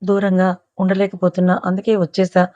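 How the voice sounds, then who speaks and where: A woman's voice: mid-range voice, completely flat delivery, a little fast, mellow, no room sound, dull audio, close to an everyday voice. A woman narrator voicing a playful, possessive young husband in a storybook reading. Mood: teasing.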